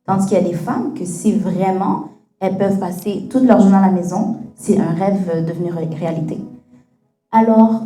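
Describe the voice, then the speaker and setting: A woman's voice: medium pitch, normal speed, dark tone. A woman hosting a casual faith-based conversation, frank and opinionated, slipping English phrases into her talk. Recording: echoey room with faint music.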